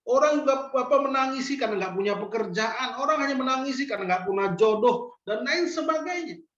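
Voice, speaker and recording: A man preaching a sermon as pastor, putting questions to the congregation and repeating key lines slowly for emphasis. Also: very high-pitched, animated, a bit bright. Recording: roomy, dull lo-fi church recording.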